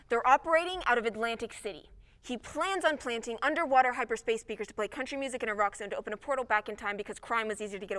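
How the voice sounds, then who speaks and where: A woman playing a brash, hot-headed female time cop on stage, excitable and quick with her reports. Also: on the high side. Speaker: stage actor. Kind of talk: live stage comedy acting. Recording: long reverb of a theatre stage.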